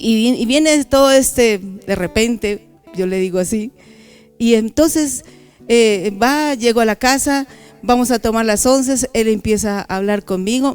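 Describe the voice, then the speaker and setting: A middle-aged woman giving a testimony sermon at a church convention, telling her story with lively acted-out dialogue. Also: on the high side, clear, resonant tone. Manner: animated storytelling, acting out dialogue.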